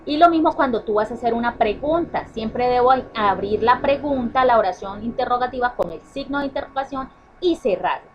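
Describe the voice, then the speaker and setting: A woman's voice: a little high, lively intonation, brisk, slight background noise, poor audio. A woman teacher explaining a grammar lesson to children, often checking in with "¿sí?" and correcting herself as she goes. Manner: self-correcting restarts. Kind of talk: online class explanation.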